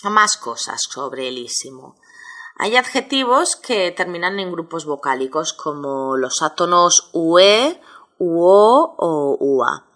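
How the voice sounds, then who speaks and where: Woman, grammar teacher, low voice, unhurried, measured explanations with examples. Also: lively intonation, pushed and bright. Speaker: Spanish teacher. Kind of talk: grammar lesson.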